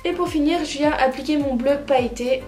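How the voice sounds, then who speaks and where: A woman narrating a makeup tutorial as a vlogger, chatty and relaxed with lots of filler words. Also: high-pitched, fairly quick. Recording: roomy echoey room, faint music.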